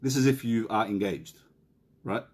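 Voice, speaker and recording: A middle-aged man giving relationship counselling in a live question and answer session, chatting casually, reading out viewer questions and slowing down to repeat key points. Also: lowish voice, darkish tone, husky. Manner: conversational, reads out viewer questions; slows down and repeats key phrases.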